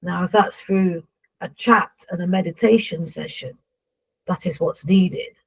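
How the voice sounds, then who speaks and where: A woman speaking as a seance medium in trance, voicing a solemn, instructive spirit guide who addresses humans, with a husky voice. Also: fairly low pitch, measured pace, heavily acted.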